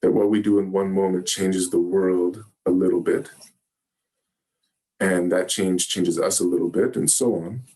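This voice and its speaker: Halting, gentle male Zen teacher. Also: deep voice, steady tone. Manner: gentle, halting, searching for words. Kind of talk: dharma talk. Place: meditation hall.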